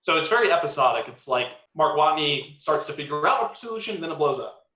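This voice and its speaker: A man's voice: fairly high pitch, lively intonation, quick pace, sharp tone, reverberant. A man chatting casually about movies and science, rambling with lots of fillers and hedges. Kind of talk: casual chat.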